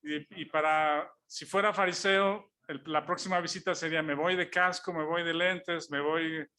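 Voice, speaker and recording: Man, pitched a bit high with a bright, forceful tone, preaching through a lively personal anecdote, voicing each person in it. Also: moderate pace. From Mexico. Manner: storytelling, acts out dialogue, chuckles while telling it. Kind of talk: sermon illustration told as an anecdote.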